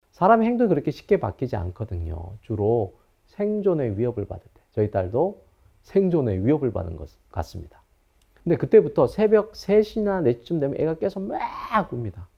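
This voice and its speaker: Animated male psychology professor lecturing. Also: mid-range voice, creaky, dull audio. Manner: storytelling lecturer who acts out anecdotes. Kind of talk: recorded online lecture.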